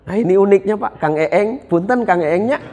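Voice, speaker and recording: A man's voice: high-pitched, normal speed, a little mellow. Joking male preacher in an echoey hall. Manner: joking, bantering with the audience. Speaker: Islamic preacher. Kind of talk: humorous religious lecture. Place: large hall at a police headquarters.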